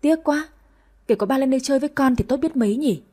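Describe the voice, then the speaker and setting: A woman voices a spirited young wife and big sister in an audio story. She fusses warmly over her family but snaps bossily when teased. Her voice is husky and mellow, pitched a little high. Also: fast talker. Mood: pleading. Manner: warm toward family, bossy when teased.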